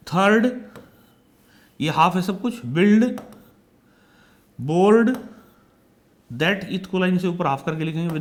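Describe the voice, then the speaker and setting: An Indian man teaches a shorthand class, speaking slowly in a high voice. He calls out each word loudly, then drops his voice to explain how it is written. He addresses his students as children. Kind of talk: classroom lesson explaining steps.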